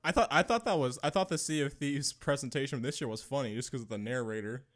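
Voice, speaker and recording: Male co-host, medium pitch, sarcastic banter. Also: quick pace, fairly bright tone. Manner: sarcastic, mocking. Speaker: podcast co-host. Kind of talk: casual chat.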